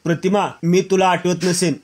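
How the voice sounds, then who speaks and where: A man's voice: high-pitched, flat delivery, moderate pace, a little mellow. A man voicing a sorrowful middle-aged father grieving his lost sister.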